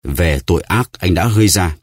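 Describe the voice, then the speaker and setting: A man's voice: low-pitched, normal speed, slightly rough, dry recording. Man voicing Edmond Dantes, a solemn avenger. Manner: solemn, grave. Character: stern vengeful nobleman, solemn and commanding.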